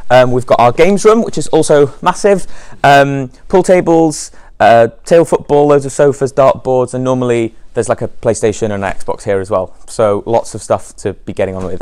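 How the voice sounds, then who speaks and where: A young adult college outreach officer from North Wales leads a casual, upbeat walking tour of his college, moving through outdoor spaces and indoor halls on a lapel mic. He's chatty, with many ums and likes, and his mid-range voice is a little fast and mellow, the sound clean with no echo.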